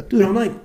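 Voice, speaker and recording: Animated young man, echoey room. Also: high voice. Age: 20s. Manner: animated, swears a lot, gets loud and laughs while telling stories. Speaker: podcast co-host. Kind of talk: casual chat.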